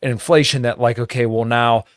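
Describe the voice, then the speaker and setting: A man's voice: medium pitch, fairly even intonation, fairly quick, clean tone, no echo, clean studio sound. A man hosting a podcast, talking politics casually with lots of swearing and "you know". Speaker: podcast host.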